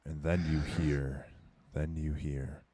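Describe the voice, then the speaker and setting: A man's voice: rumbling low, level tone, slow, dark tone, breathy edge, no echo. A man running a tabletop game as game master, narrating a violent scene in grim, dramatic tones. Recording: faint background music.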